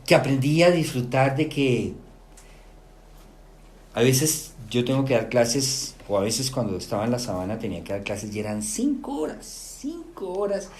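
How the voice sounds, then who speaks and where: A middle-aged man with a Colombian accent giving a lively talk to an audience, often checking in with rhetorical questions. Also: medium pitch, moderate pace. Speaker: lecturer.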